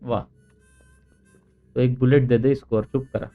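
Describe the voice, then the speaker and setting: Very fast-talking Indian man gaming. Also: medium pitch, steady tone, narrow, tinny audio, faint music behind. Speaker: gamer. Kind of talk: casual gameplay commentary.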